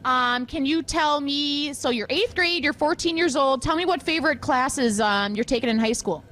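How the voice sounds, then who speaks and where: A woman's voice: high-pitched, moderate pace, a bit bright. An American woman with a bubbly, informal manner, doing a casual interview as a reporter outdoors, breathing in cold air. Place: outdoors in the cold at a frozen lake. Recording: outdoor generator hum and noise. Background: generator running.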